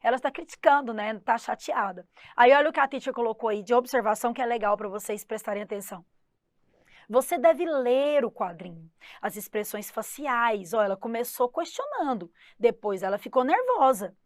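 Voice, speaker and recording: A woman's voice: on the high side, animated, moderate pace, no room sound, studio quality. A woman with a Brazilian accent, an English teacher running an exam-prep lesson. She explains step by step, asks the class rhetorical questions and refers to herself as the teacher.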